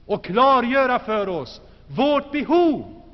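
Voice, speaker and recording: A man preaching an earnest sermon, rising in force and then sinking to hushed, low phrases. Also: big pitch swings. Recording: dull, lo-fi recording with long hall reverb.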